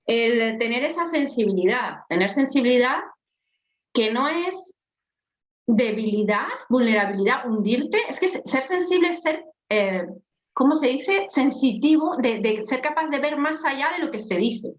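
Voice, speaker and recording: A woman's voice: sits high, measured pace. A woman with a strong voice, chatting animatedly as a coach on a podcast and laughing at herself. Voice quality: strong, forceful voice. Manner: animated, lively, acts out little scenes and laughs at herself. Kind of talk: casual podcast discussion. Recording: echoey, slightly dull sound.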